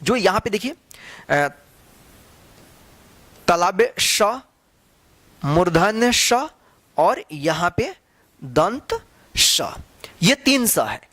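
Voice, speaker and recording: A man's voice: sits high, expressive, takes it slowly, long pauses, a bit bright, dry recording. A man teaching the Hindi alphabet, asking question after question and repeating each sound to demonstrate it. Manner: repetitive, quizzing. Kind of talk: slow classroom explanation.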